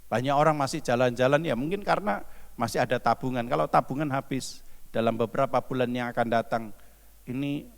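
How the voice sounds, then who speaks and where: A male pastor, preaching slowly and emphatically with repeated phrases in a large church hall. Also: medium pitch, gravelly. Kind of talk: sermon then leading sung worship. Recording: church hall reverb with music behind.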